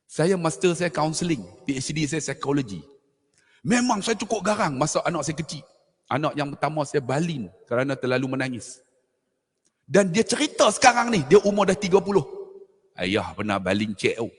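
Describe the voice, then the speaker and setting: A middle-aged man from Malaysia telling animated, jokey stories to an audience at a religious forum. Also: a little high, breathy edge. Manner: lively, jokey, addresses audience as tuan-tuan. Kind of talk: animated storytelling talk to an audience. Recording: hall reverb.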